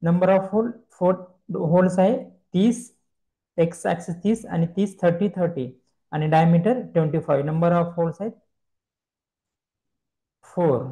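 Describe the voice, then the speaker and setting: A man giving a screen-recorded software tutorial, explaining step by step and asking himself questions he then answers. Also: sits high, a little slow, pauses often, poor audio. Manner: explains step by step, mixing English terms, repeats questions and answers them.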